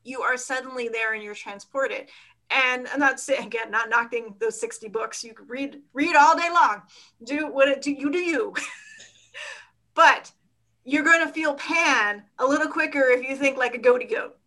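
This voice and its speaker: A woman's voice: high voice, normal speed, bright, forceful tone, low-quality recording. A woman with a Philadelphia accent, a dance teacher and author, chatting animatedly in an interview and laughing often. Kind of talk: casual interview chat.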